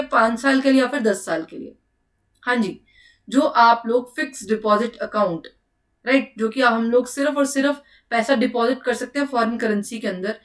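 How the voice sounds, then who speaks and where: A young woman teaching an exam-prep lesson, who keeps asking the class questions and answering them herself, with English terms mixed in. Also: on the high side. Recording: voice a little far from the mic.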